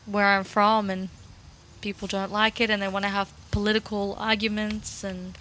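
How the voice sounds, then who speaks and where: A woman's voice: mid-range voice, flat delivery, normal speed, a bit bright, slight background noise. A young woman from Russia co-hosting a podcast, chatting casually and laughing easily. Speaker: podcast co-host. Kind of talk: casual chat.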